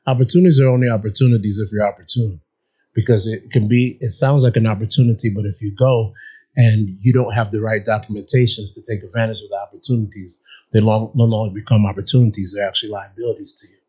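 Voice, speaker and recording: A man born in Nigeria and raised in upstate New York speaks as an interview guest, his voice low and husky. He explains earnestly, and the recording is a bit dull. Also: fairly even intonation, fast, dark tone. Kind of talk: casual interview.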